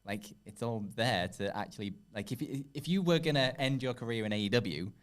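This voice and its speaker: A man's voice: mid-range voice, expressive, fairly quick. A man chatting casually as a panellist on a wrestling show. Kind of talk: casual chat.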